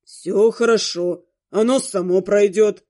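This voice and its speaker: A woman's voice: fairly even intonation, slow pace, darkish tone, natural voice. A woman voicing a grumpy but caring male ghost monster in an audiobook, with curt, grumbling lines. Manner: curt, grumbling, low put-on voice. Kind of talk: audiobook character voice.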